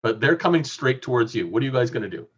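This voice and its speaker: A man's voice: mid-range voice, expressive, fast, breathy edge. A middle-aged man casually narrating as game master of a tabletop game over a video call. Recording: slightly dull video-call audio.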